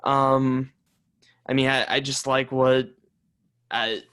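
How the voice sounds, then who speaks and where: A man co-hosting a casual sports podcast, talking emphatically and reacting with quick disbelief. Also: mid-range voice, flat delivery, a bit bright, smooth. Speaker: podcast co-host.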